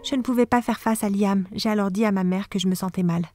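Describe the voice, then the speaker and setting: A woman reading a first-person animated story in a scripted, dramatic way. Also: medium pitch, fast talker, music in the background.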